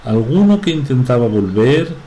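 A man giving a religious talk in a halting way, with frequent restarts and filler sounds. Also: mid-range voice, very animated, warm tone, low-quality recording. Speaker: religious speaker.

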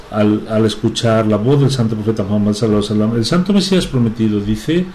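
A man giving a religious talk in a halting way, with frequent restarts and filler sounds. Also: medium pitch, dark tone, slight background noise, low-quality recording. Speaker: religious speaker.

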